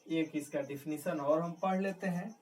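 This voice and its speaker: A man's voice: on the high side, normal speed, darkish tone. A man teaching a grammar lesson, repeating key words and asking questions that he answers himself. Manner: repetitive, asks questions and answers them himself. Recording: distant mic with faint background noise.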